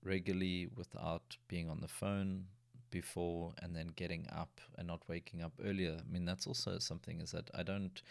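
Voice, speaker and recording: A man's voice: sits low, vocal fry, no echo, clean studio sound. A man talking casually and at length in a diary vlog, rambling with frequent restarts. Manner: rambling, with many restarts and yawns. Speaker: vlogger. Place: lives in a city in Germany.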